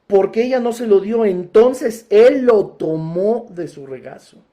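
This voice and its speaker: A man preaching a Bible teaching sermon, emphatic, inviting listeners to picture each scene and swelling into loud, forceful passages. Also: sits high, unhurried.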